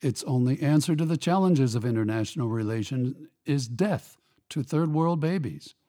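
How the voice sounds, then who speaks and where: A man with a mellow, dark voice of ordinary pitch reads scripted opinion commentary as host of a radio show. He sounds measured, emphatic and pointed, with lively intonation.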